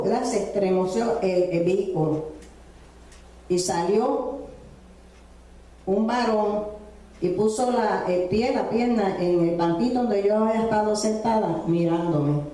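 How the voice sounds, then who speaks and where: A woman's voice: on the high side, dark tone. A woman preacher, telling a testimony in a sermon, full of fillers and tag questions. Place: church. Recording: echoey church from far off.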